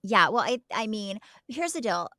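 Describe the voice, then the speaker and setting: Very animated and forceful, this middle-aged Oklahoma woman's medium-pitched, bright voice moves at a moderate pace as she co-hosts a podcast, chatting casually and rambling emphatically through family anecdotes. The sound is clean studio audio with no room noise.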